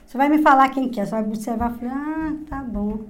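A woman's voice: fairly high pitch, rapid-fire. A middle-aged woman telling a personal story in casual talk, acting out voices and dropping to whispers. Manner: animated, acts out quoted voices, drops to whispers. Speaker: guest telling her story.

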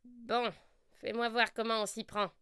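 A bossy, impatient storybook witch played by a woman reader barks her lines, pitched high and bright. The sound is close and dry, like a tidy reading booth. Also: little pitch movement, a little slow, smooth, no echo. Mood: exasperated. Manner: snappish, exclaiming.

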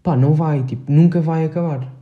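A man's voice: fairly high pitch, fairly even intonation, fairly quick, phone-quality sound. A teenage boy with a Portugal Portuguese accent, hosting a solo podcast in a rambling, hesitant way, full of filler words and slang. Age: teens. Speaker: podcast host. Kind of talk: casual solo podcast monologue.

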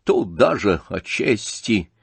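A man voicing an angry, bitter young son who snaps in sharp, spiteful outbursts. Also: fairly low pitch, sing-song, takes it slowly, creaky, husky, no room sound, exaggerated voice. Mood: spiteful anger.

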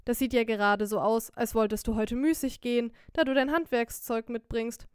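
A woman voicing a young, poor, quick-witted wife in an audiobook, scolding loudly and lamenting theatrically. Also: fairly high pitch, clear, resonant tone, no echo, clean studio sound, lightly acted. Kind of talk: audiobook character voice.

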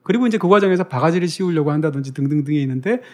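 Fast-talking high-voiced man telling stories. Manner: lively anecdotal storytelling with frequent chuckles. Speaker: podcast co-host and author. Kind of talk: casual talk-show chat.

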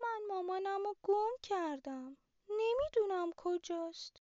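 A tiny lost baby chick from a storybook, put on by a woman. It talks in a high, peeping little voice. The sound is slightly dull and lo-fi. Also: expressive, warm tone. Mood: sad.

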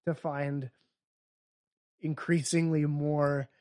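A man co-hosting a podcast chats casually, joking wryly and acting out comedy bits. He speaks very slowly in a voice that's on the high side, level in tone, and dark.

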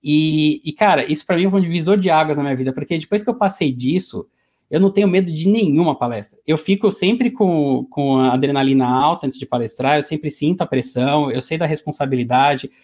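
Fast-talking Brazilian motivational speaker. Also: male voice, fairly high pitch. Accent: Brazilian Portuguese. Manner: animated, conversational storyteller. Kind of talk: storytelling in an interview.

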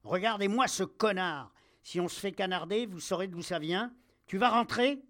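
A man voicing a furious, bullying army captain who shouts insults and orders. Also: sits high, big pitch swings, normal speed, voice pushed up, full character voice. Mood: shouting.

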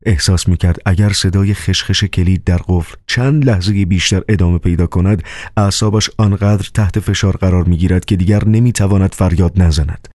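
A man narrating an audiobook in a calm, measured way. His voice is very deep and the sound is close and dry, with no room around it. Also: dry recording. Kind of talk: scripted narration.

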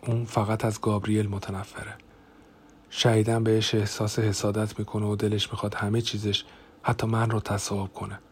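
Low, husky male audiobook narrator. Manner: steady, even-paced diary reading. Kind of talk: first-person audiobook narration.

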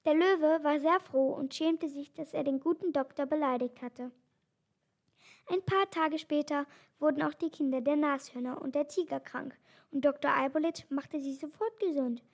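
A woman reading a children's animal story aloud in a calm, even storytelling manner. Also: sits high, moderate pace.

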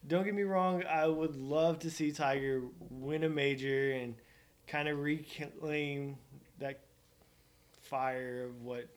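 A man's voice: fairly high pitch, steady tone, slow pace. A man from Oklahoma co-hosting a casual golf podcast, rambling and joking at his own expense. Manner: joking, rambling, self-mocking. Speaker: podcast co-host. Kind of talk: casual sports chat.

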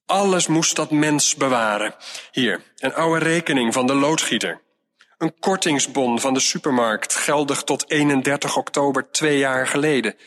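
A man reading a storybook aloud and voicing a fretful middle-aged mother who sighs and scolds as she clears out her late mother's room. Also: medium pitch, normal speed, a bit bright, voice pushed up, close to an everyday voice. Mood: exasperated. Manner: exasperated, sighing, scolding.

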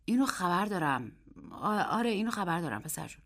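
Storybook uncle: woman voicing an easygoing, teasing man, lively delivery. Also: on the low side, full character voice. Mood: amused. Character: amused, indulgent adult uncle, man.

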